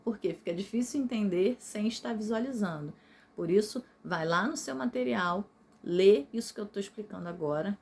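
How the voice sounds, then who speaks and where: A Brazilian woman teacher records a video lesson, speaking at a middle pitch in a patient, explanatory way. She keeps checking in with her students as she goes. A faint hiss of background noise sits under her voice. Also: a little mellow. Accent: Brazilian Portuguese.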